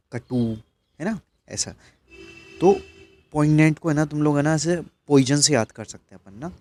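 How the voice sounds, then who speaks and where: A man's voice: mid-range voice, darkish tone. A man teaching English vocabulary for exams in a casual, chatty way, often checking in with his listeners. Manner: chatty, keeps checking in with "ठीक है?". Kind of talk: casual exam-prep lesson in Hindi.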